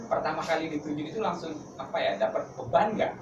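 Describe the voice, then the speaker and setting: A man's voice: a little high, expressive, fast talker, lo-fi sound. A man interviewing students and a teacher in a casual, chatty way, often laughing and teasing. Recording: roomy distant mic with noise.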